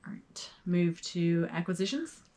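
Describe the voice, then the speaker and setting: A woman's voice: fairly low pitch, expressive, a little slow, dark tone. Woman giving short affirming replies. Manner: brief affirming replies, backchanneling. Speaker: podcast co-host. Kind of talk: casual podcast chat.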